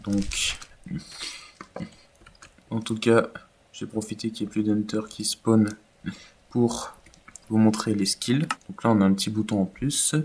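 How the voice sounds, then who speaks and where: A man's voice: lowish voice, steady tone, measured pace, pauses often, a little mellow, husky. A man giving casual, rambling commentary over his own video game play, with many fillers. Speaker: gaming YouTuber.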